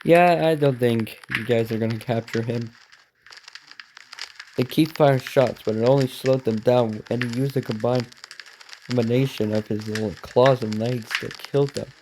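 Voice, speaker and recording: A man reading a story aloud in a halting way, correcting himself and breaking off for quick reactions. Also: medium pitch, steady tone, warm tone, slight background noise. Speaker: reaction video host.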